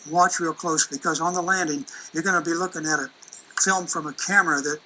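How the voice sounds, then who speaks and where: A man's voice: a little high, steady tone, brisk, sharp tone, a little hiss or hum, poor audio. An older man giving a folksy, conversational lecture as an aerospace engineer, presenting slides and video clips with many restarts.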